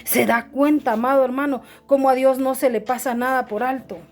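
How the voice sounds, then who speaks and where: High-voiced woman pastor preaching. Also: fairly even intonation, fairly quick, faint music behind. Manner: earnest, addresses listeners as brother. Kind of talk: sermon.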